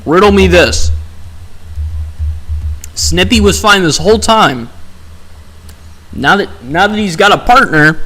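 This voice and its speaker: A man's voice: a little high, a bit bright. A young man live-streaming a game, chatting casually and sarcastically while reading chat aloud. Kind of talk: casual gameplay commentary. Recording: faint background music.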